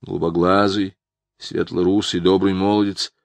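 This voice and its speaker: A man narrating a literary story in a measured, unhurried storytelling manner. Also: low voice, flat delivery, creaky, dry recording. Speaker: audiobook reader.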